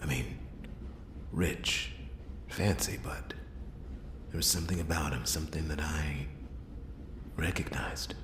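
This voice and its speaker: A man voicing a world-weary noir detective in an ASMR role-play, brooding and halting, with dramatic pauses and a gravelly, breathy voice. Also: rumbling low, reverberant, noisy background. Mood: searching, uneasy. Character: world-weary male noir detective piecing together a murder.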